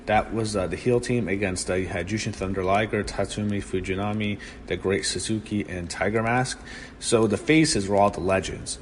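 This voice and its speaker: A man giving a casual solo review of a wrestling show, rambling and excitable, swearing when annoyed. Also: lowish voice, normal speed. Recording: long room reverb with faint background noise.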